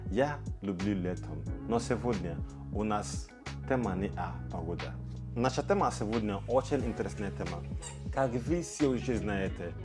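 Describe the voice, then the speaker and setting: A man hosting his own channel, giving a slow, careful, scripted introduction. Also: medium pitch. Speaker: YouTube channel host. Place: outdoors in a city. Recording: background music. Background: music.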